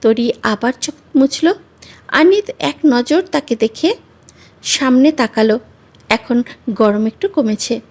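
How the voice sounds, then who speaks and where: A woman with a high voice reads a romantic story aloud, measured and expressive. Her narration is scripted and moves steadily through each scene.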